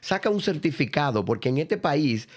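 A man's voice: fairly high pitch, sing-song, moderate pace. A man answering casually as an interview guest, telling anecdotes and voicing quoted remarks. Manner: acts out quoted advice, often interjects agreement.

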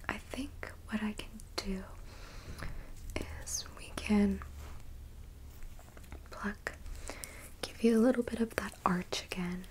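A woman whispering close to the mic as a beautician, softly repeating words while she works. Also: medium pitch, slow, long pauses, a little hiss or hum, poor audio. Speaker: beautician in a roleplay. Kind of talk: ASMR roleplay.

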